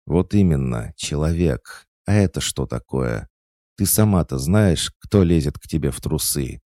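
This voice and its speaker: A man's voice: rumbling low, animated, unhurried, mellow, no room sound, studio quality, pitched above the performer's own voice, exaggerated voice. A man voicing a cheeky, sarcastic young witch in an audiobook, teasing and mocking. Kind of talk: audiobook character voice.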